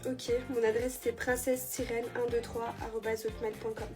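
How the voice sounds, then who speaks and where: A woman's voice: a little high, flat delivery, normal speed, music in the background, natural voice. A woman voicing an embarrassed young female customer who talks awkwardly and mumbles.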